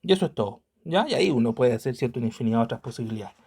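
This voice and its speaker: A man's voice: mid-range voice, lively intonation, racing, creaky, a little mellow, slightly rough. A man teaching an online math lesson, patient and checking in with his students at almost every step. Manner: patient, checks in constantly with tag questions.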